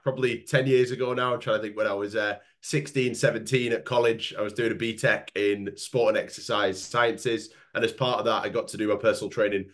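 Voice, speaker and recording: A man in his late twenties speaks in a lowish voice that sounds stuffy and nasal from a cold. He talks at length in a webinar, rambling with plenty of fillers and restarts. The voice comes through a video call. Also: a bit bright. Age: late 20s. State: nasal, congested from illness. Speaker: nutritionist guest. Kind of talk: webinar talk.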